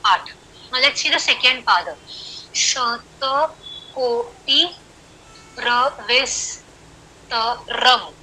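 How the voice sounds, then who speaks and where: A woman's voice: high-pitched, pushed and bright, low-quality recording. A woman teaching a Sanskrit class online, explaining patiently and counting syllables aloud as she switches between Hindi and English.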